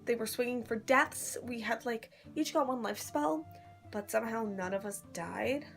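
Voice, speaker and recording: Female vlogger, higher register, informal and slangy rambling delivery, recorded on a handheld phone with music underneath. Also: normal speed, vocal fry, a bit bright. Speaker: vlogger recounting a live-action role-play event. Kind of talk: casual chat. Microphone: phone at arm's length.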